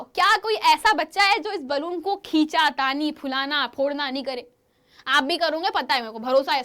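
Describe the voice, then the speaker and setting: Woman science teacher, really high voice, lively, keeps quizzing the kids. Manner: lively, questioning, addresses pupils as children. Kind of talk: classroom lesson to children.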